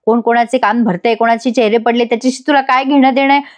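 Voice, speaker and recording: A woman's voice: on the high side, fairly even intonation, fast, lightly acted. A woman voicing a scheming, scolding middle-aged mother in a TV serial recap, with a harsh manner.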